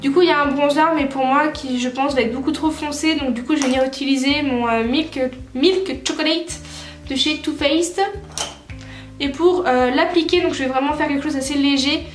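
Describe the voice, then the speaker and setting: Speaking at normal speed in a high, steady voice, a beauty vlogger from France talks through her makeup tutorial in a casual, chatty way. She's young and frequently uses fillers and corrects herself. There's a roomy echo and soft music in the background.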